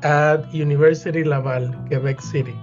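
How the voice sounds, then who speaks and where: A man, answering interview questions as a guest in an earnest, halting way with many fillers. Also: on the high side, steady tone, darkish tone, soft background music. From Cuba. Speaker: guest, plant pathology professor. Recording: dull lo-fi sound.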